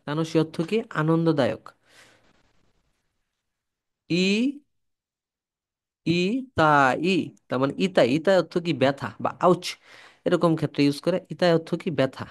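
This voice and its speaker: A man's voice: fairly high pitch, darkish tone. Man teaching syllables, quizzing and repeating. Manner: repeats words and quizzes the listener; drills syllables slowly for practice. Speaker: Japanese language teacher. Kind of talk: classroom-style lesson.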